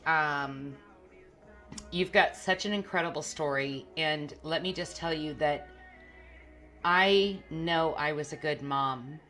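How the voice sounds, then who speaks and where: A woman hosting a group call as a wellness coach, introducing her guests with effusive warmth. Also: sits low.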